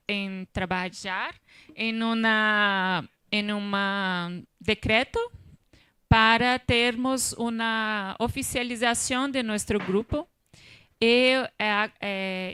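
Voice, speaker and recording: A woman from Brazil with a Brazilian accent, a native Portuguese speaker, speaking on a panel in a halting mix of Spanish and Portuguese, searching for words. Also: medium pitch, pushed and bright, smooth, dry recording. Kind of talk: panel presentation.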